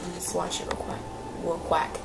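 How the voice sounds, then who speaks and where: Reviewing beauty products in a small room, a young beauty vlogger talks a little fast in a monotone, creaky voice on the low side. A cold gives her a slightly nasal sound, her chatty delivery leans on fillers and repeats, and background noise is present.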